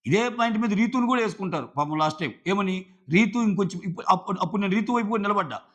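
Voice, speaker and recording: Casual male reviewer, Telugu accent, high pitch, argumentative with rhetorical questions. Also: lively intonation, racing, a bit bright. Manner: argumentative, asks rhetorical questions, paraphrases contestants' quotes. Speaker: reality show reviewer. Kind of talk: casual episode review commentary.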